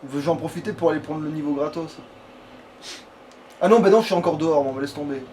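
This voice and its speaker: With a fairly high, slightly mellow voice and a quick pace, this let's play gamer swears his way through the game, muttering complaints and thinking out loud in colloquial talk. Background noise from his home setup is clearly audible.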